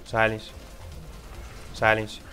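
A young Brazilian man with a Brazilian Portuguese accent commenting on his gameplay casually, excitable and repeating words, with sudden shouts. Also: fairly low pitch, drawn-out words, soft background music. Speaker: gameplay streamer.

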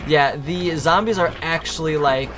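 A man chatting casually while playing a co-op game, laid-back and getting excitable in fights. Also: fairly high pitch, moderate pace. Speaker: gamer. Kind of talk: co-op gaming commentary. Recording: faint game music behind.

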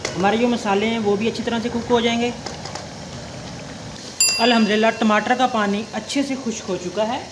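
A man's voice: high-pitched, flat delivery, a little fast, pauses often, noisy background. A young man hosting a cooking channel, explaining a recipe step by step in a polite, formal way with religious greetings.

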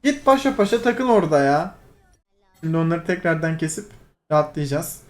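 A young man talks through his gameplay in a fairly high voice. He is excitable and teasing, jumping between calm play-by-play, laughs and loud outbursts at his teammates. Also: brisk. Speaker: gaming streamer. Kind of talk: live gameplay commentary.

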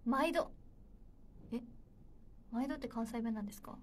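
A woman's voice: on the high side, steady tone, very fast, dark tone, slight background noise. A young woman hosting a casual livestream, chatty and a little nervous, giggling as she reads viewer comments. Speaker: idol livestream host.

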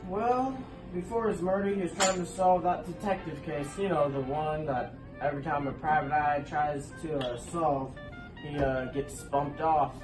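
In a noir radio drama, a man plays a veteran police officer who's an old friend of the detective, speaking in a matter-of-fact, laid-back way. His natural voice is fairly high, with fairly even intonation and a moderate pace. The recording is echoey and distant, with music behind him.

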